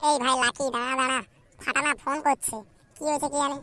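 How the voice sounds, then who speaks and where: A woman voicing young cartoon man, high bright voice, rapid whiny chatter, swearing, flat tone. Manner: fast complaining chatter, full of swearing. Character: young unmarried man, whiny and crude-talking. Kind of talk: cartoon voice acting.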